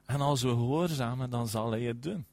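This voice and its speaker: A man preaching a sermon, emphatic, often affirming with "ja" and swinging between loud and soft. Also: medium pitch, a little fast, dry recording.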